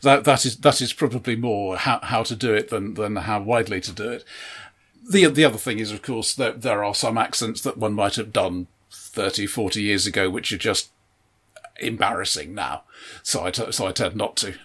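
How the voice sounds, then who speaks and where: A man, a tabletop game master, talking in a measured way in a casual chat, often stammering on his first words. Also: lowish voice, fairly bright tone, slightly rough.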